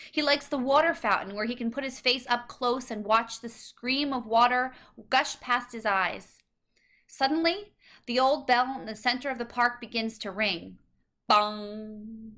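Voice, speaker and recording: A woman reads a children's storybook aloud in a bright, fairly high voice. Her scripted, expressive narration lays out each phrase clearly for young listeners.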